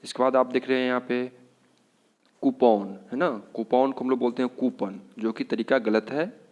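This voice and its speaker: A Hindi-speaking man with an Indian accent teaches English pronunciation in a classroom-style lesson, repeatedly asking "what should we say". His mid-range, slightly mellow voice keeps a fairly even intonation at normal speed, with lo-fi sound.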